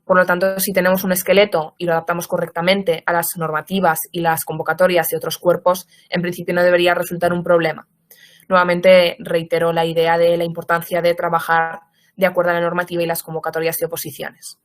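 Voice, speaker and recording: Woman teaching online over a computer mic, slightly low voice, calm explaining, corrects herself now and then. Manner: measured, explanatory, with occasional self-corrections. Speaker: teacher giving a training talk. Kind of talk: online lecture answering chat questions.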